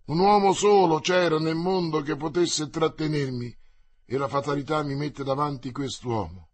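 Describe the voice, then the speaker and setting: A hot-blooded young musketeer swordsman from a storybook, impassioned and declaiming, as a male narrator puts him on. The voice is pitched up and loud, with a husky, slightly breathy edge. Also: moderate pace, dry recording, lightly acted. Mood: anguished.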